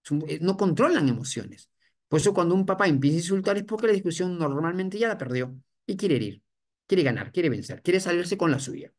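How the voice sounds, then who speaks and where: A family counselor gives an educational talk in a voice of middling pitch. The delivery is explanatory and a little halting, with frequent restarts and rhetorical questions that drive each point home. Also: expressive. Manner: explanatory, repeats points, often adds "for example". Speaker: family counselor addressed as doctor.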